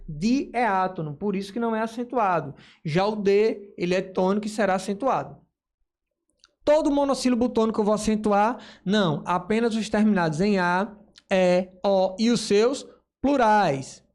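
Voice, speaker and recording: A man's voice: sits high, normal speed, a little mellow. A male teacher giving a grammar lesson, explaining step by step and voicing imagined student questions.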